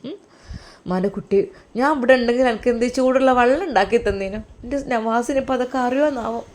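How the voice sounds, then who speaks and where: Brief: woman playing a loving, fussy older mother from a Malappuram story, slightly high voice, tender and worried. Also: quick pace, a little mellow, close to an everyday voice. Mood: fondly fussing. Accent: Malappuram Malayalam. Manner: doting, endearments, worried advice.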